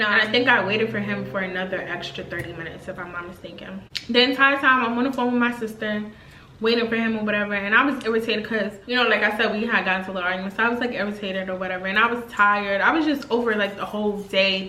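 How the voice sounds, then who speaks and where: A woman in her twenties tells a casual storytime to her vlog, chatty and expressive with plenty of slang and fillers. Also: medium pitch, fast, roomy sound, slight background noise, rough recording. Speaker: vlogger.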